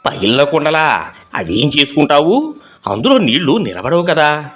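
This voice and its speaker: A man voicing a friendly older village potter who talks in a slow, folksy drawl. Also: on the high side, big pitch swings, fairly bright tone, faint music behind. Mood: welcoming.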